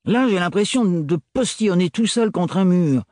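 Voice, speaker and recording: A man voicing a gruff, blunt male valet who talks in a familiar, slangy, grumbling way, pitched higher and louder than his narration. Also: lively intonation, normal speed, no room sound, clean studio sound.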